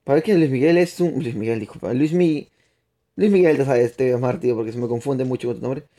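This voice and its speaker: A man's voice: medium pitch, quick pace, dark tone. A young man with a put-on Spain Spanish accent, chatting with viewers and rambling through his explanations while he streams a game live. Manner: chatty, answers viewers' chat while playing, rambling restarts. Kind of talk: live gaming stream commentary.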